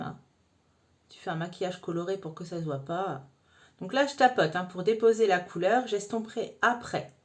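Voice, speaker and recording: A woman talking the viewer through a makeup tutorial in a chatty, informal way. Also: medium pitch. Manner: chatty, addresses viewer informally with frequent "hein". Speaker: makeup vlogger.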